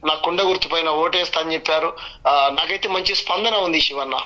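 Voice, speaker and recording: An election candidate from a village in Telangana, India, speaks with a Telangana Telugu accent in an interview, delivering an emphatic campaign speech that builds its points through repeated lists. His voice is fairly high with a steady tone, sharp and a little fast.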